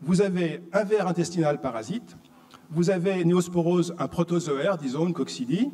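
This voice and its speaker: A Frenchman with a high, warm voice gives an explanatory conference lecture at a moderate pace, teaching as he goes and punctuating it with rhetorical questions. The conference hall is reverberant, leaving a long reverb trail on the recording.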